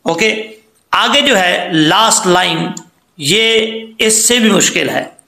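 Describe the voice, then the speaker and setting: A man teaching Quran reading, patiently spelling out syllables and slowly chanting the words. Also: sits high, creaky, pushed and bright, reverberant.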